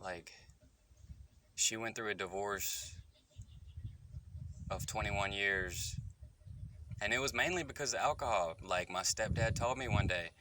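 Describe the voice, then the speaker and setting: A man's voice: fairly low pitch, noisy background. A man in his thirties telling a candid personal story to his phone, rambling and correcting himself as he goes. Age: 30s. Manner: rambling, halting and self-correcting. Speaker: vlogger. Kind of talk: candid personal confession to camera.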